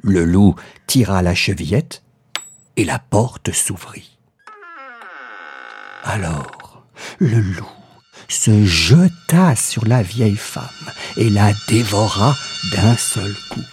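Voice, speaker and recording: A man reading a fairy tale aloud as a storyteller. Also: lowish voice. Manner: slow, lively storybook narration. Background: soft music.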